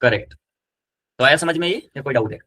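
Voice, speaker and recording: Fast-talking male language teacher. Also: mid-range voice, lively intonation, pushed and bright. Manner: explains patiently, repeats examples, asks "ठीक है?". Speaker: Spanish teacher. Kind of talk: casual one-on-one lesson.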